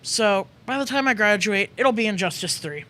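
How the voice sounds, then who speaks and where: High-voiced young man joking about games. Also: animated, normal speed, sharp tone. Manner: joking, rambling, with self-mocking asides. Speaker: podcast host. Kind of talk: casual gaming chat.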